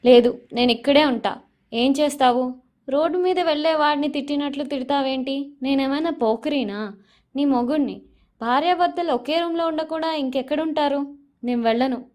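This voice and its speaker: A woman voicing a stubborn young husband from a TV serial, arguing loudly and insistently. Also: high voice, normal speed, voice pushed up, natural voice. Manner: loud, pleading, keeps arguing back.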